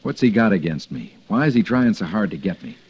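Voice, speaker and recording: In clipped, insistent old-time radio drama style, an actor plays a determined, hard-edged man on the run after being wrongly accused. His voice is fairly low, sing-song, slightly rough and a little mellow, and a bit fast, captured on a dull lo-fi old radio recording.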